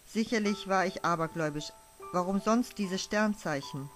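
A woman narrating a first-person audio drama in a hushed, wistful storytelling manner, over faint music. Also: mid-range voice, moderate pace.

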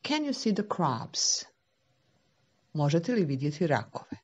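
Female teacher, native Serbo-Croatian, husky and slow, patient delivery as if reading to a toddler. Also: deep voice, sing-song, highs cut off. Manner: patient step-by-step questions and repetition. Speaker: English teacher for young children. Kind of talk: slow, simple lesson for small children, like reading to a toddler.

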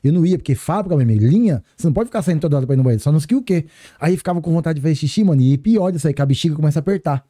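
A man with a Brazilian Portuguese accent holds the floor as a podcast guest, rattling through a story at high speed. His voice sits a touch high yet sounds very dark and mellow. He is animated and full of slang, and he acts out each exchange with the other people in the story. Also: very fast. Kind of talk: casual storytelling chat.

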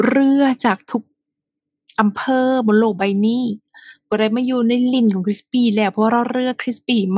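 Brief: woman, English teacher, drills phrases in soft whispers, breathy tone, dry close sound. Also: a little high, no echo. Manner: drills phrases by repeating them, often softly whispered; playful, direct teasing of students. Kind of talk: English pronunciation lesson.

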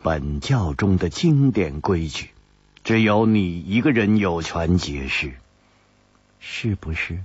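A man voicing a calm, composed young woman, a former sect saint, in a storytelling audiobook, speaking softly and slowly. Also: low voice, breathy edge, dry recording, voice pushed down, full character voice. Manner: soft, slow and composed. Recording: dull lo-fi dry recording.

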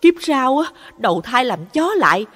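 A woman's voice: big pitch swings, normal speed, breathy edge, in a large hall, heavily acted. Woman doing a furious old woman's curse. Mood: furious cursing. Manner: shrill wailing curses. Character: grieving old woman cursing in fury.

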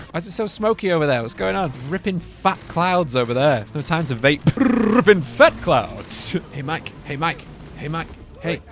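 A man streaming a co-op game with friends, joking loudly and laughing often. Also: on the high side, very animated, moderate pace. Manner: jokey, loud outbursts, frequent laughing. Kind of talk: excited gaming banter.

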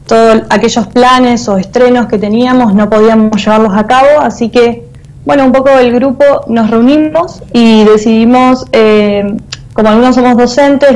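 Over a video call, a thirty-something woman who works as a theatre artist and teacher gives chatty interview answers in an Argentine accent. The earphone mic yields poor audio, and her voice is on the high side with a darkish tone.

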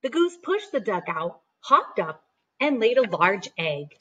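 A middle-aged woman reading a storybook aloud to children in an expressive, deliberate way, like a teacher. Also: mid-range voice, slightly rough, muffled recording. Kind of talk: animated storybook read-aloud. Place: living room at home, indoors.

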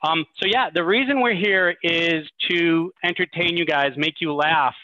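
Hosting an online charity event from an indoor room, a man with a slightly high, pushed and bright voice makes announcements to the audience on a group video call at a moderate pace. His video-call microphone gives dull, muffled audio without echo.

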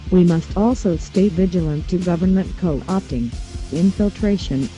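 Disguised synthetic computer voice, very dark timbre, flat measured delivery, scripted anonymous statement, faint music behind. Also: medium pitch. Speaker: anonymous activist spokesperson. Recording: muffled lo-fi audio with faint music.

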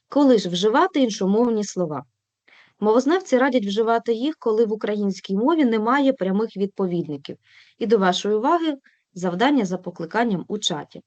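A woman presenting an online language lesson in a measured, instructional way, clearly pronouncing each word and pausing now and then with a filler. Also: mid-range voice, a little mellow, dry recording, muffled recording. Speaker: lecturer in an online teacher training session. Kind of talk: instructional presentation, read from notes.

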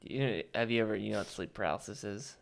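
Gravelly-voiced laid-back guy telling a story. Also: on the low side, quick pace. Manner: laid-back, full of "like" fillers. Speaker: podcast co-host. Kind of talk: casual chat, telling an anecdote.

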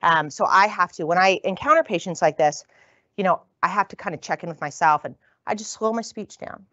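Woman doc lecturing quick and chatty, lowish voice, dry kinda dull audio. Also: expressive, a bit bright, no room sound. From northern United States. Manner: quick, conversational, tags lines with "right?". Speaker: physician lecturer. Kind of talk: continuing-education lecture. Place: lecture room.

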